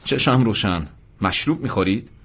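A man's voice: lowish voice, expressive, fairly bright tone, husky, heavily acted. A man playing a curt, stern young guard. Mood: commanding. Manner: curt, mocking.

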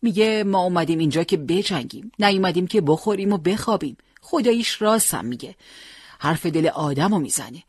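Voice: mid-range voice, expressive, husky, no echo, voice pushed up. A storyteller voicing an old grandfather who volunteered for the front, earnest and stubborn, in a dry recording.

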